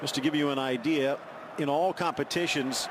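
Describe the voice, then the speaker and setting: Man calling football over loud stadium noise. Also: a little high, fairly even intonation, normal speed. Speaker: play-by-play football commentator. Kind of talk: live sports commentary. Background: football stadium crowd.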